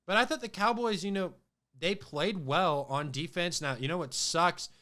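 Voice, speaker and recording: A podcast host chats loosely about sports, full of fillers and restarts, his voice a little off because he has a cold. It sits high and sounds sharp, at a moderate pace.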